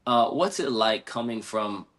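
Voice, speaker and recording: A man's voice: medium pitch, expressive, unhurried, a bit bright. A man hosting a podcast interview, friendly and chatty, leaning on casual fillers. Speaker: podcast host.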